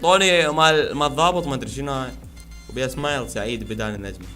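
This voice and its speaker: A man commentating his own gameplay, shouting, chanting and making silly sound effects. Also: medium pitch, very fast, soft background music. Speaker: gaming video host.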